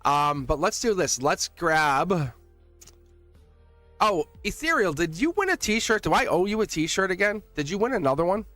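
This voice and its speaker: A man with a Boston accent hosting a casual live tarot reading, chatting to viewers in an excitable, chummy, slangy way. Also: high voice, normal speed, dry recording, soft background music. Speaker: tarot reader and livestream host.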